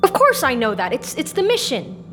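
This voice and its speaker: An actress playing a proud grown daughter who runs a poisoning business, impassioned and defiant. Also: female voice, high voice, huge pitch swings, fairly bright tone, slight background noise, full character voice. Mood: pleading, indignant. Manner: impassioned, quickly swinging between pleading and defiance. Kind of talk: audio drama acting.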